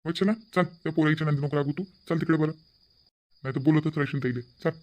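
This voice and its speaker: A man voicing a middle-aged father in a cartoon, steady and reasoning. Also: on the high side, quick pace, close to an everyday voice. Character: calm middle-aged father, firm head of house. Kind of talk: cartoon voice acting.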